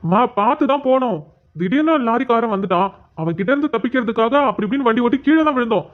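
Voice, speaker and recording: A woman's voice: a little high, animated, fast talker, lightly acted. A woman voicing a young man, an injured, exasperated son, in a cartoon. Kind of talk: cartoon voice acting. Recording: tinny phone-like sound.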